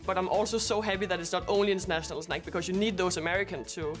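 A woman's voice: on the low side, steady tone, rapid-fire, soft background music. A woman basketball player chatting in an interview, with many fillers. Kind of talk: casual interview.

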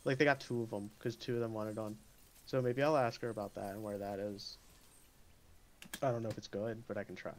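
A man's voice: fairly low pitch, steady tone, a little fast, a little hiss or hum. A man in a voice chat with friends, hesitant and rambling, restarting his sentences. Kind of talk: casual gaming chat.

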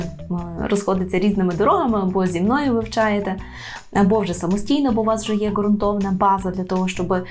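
Woman tutor, mid-pitched, patient explainer, slows to model words, faint music under. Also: a little mellow. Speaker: language teacher. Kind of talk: online language lesson.

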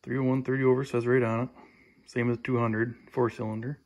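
A man giving a relaxed, plain-spoken update while filming his own project in a home garage on a handheld phone. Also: mid-range voice, a little fast. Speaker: tractor restoration vlogger. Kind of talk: casual workshop update. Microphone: handheld phone camera, filming while talking.

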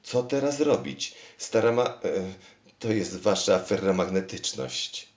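A man's voice: very deep voice, big pitch swings, unhurried, a little mellow, pitched above the performer's own voice, exaggerated voice. A man doing a fretful, anxious king. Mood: alarmed. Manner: fretful, exclamatory. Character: anxious male king, easily alarmed. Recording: roomy echo.

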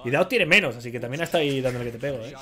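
A man's voice: medium pitch, very fast, bright, forceful tone. A man with a Spain Spanish accent giving casual, slangy live commentary as he streams a ranked strategy game and talks to his viewers. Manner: chatty, slangy, talks to viewers while playing.

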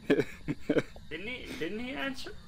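A man playing a game with a friend, calmly giving instructions in casual chat. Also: sits high, slow. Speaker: co-player.

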